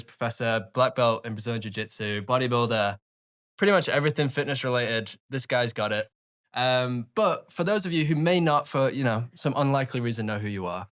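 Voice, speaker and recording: A man's voice: medium pitch, a bit bright. A man hosting a podcast interview, introducing his guest eagerly with many fillers. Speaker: podcast host.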